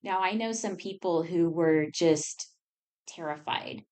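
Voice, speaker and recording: A woman co-hosting a podcast in casual conversation, chatty and quick to laugh, animated when retelling. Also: on the low side, clean tone. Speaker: podcast co-host.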